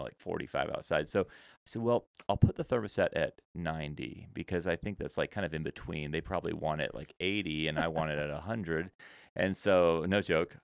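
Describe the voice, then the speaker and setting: A man's voice: deep voice, vocal fry, fairly bright tone, no room sound, studio quality. A man in his thirties who grew up in Senegal, a podcast guest telling stories in an easygoing, humorous way. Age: 30s. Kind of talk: conversational storytelling.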